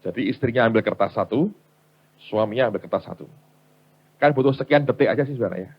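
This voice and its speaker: A man's voice: mid-range voice, fast, slightly rough, dull audio. A man preaching a sermon, telling stories and acting out the people in them as he addresses the congregation. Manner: storytelling preacher, acts out quoted voices, addresses congregation as brothers. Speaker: pastor.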